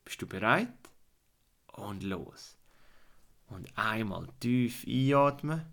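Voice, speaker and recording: A man with a Swiss German accent narrating a guided relaxation and sleep story, soothing, with repeated instructions that at times drop to a hush. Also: fairly low pitch, lively intonation, slow, vocal fry.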